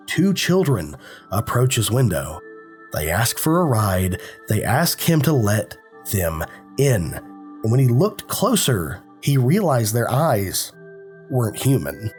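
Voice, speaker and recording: A man with a sick voice, hosting a paranormal channel and narrating eerie stories in a dramatic, hushed way. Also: medium pitch. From Appalachian foothills, US. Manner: dramatic, hushed storytelling with casual asides. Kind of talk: spooky storytelling narration.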